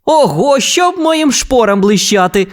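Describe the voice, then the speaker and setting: A woman's voice: medium pitch, big pitch swings, measured pace, voice pushed up. A woman voicing a brave, friendly male cowboy toy. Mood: hearty. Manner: hearty, upbeat.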